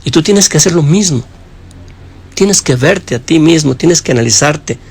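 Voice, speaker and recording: A man preaching a sermon with passion, addressing his listeners directly and swinging between raised high emphasis and low hushed phrases. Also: lively intonation, moderate pace, vocal fry, slightly rough.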